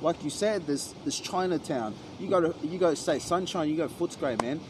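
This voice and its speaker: An Australian man from Western Sydney in relaxed casual chat, swearing casually and often asking "you know what I mean". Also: fairly high pitch, moderate pace. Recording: outdoor traffic noise.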